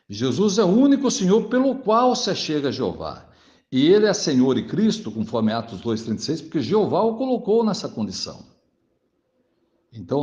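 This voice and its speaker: This man, a Jehovah's Witness, answers a pastor in a recorded monologue, his medium-pitched voice darkish in tone and the audio dull and lo-fi. Formal with the listener, he reads scripture passages aloud and regularly tacks "né?" onto what he says.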